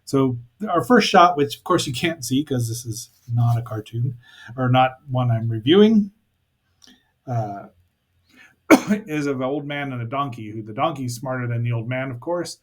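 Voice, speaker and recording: A man's voice: mid-range voice, lively intonation, moderate pace. A man hosting a podcast, giving a casual recap and commentary with wry, hesitant asides. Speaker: podcast host.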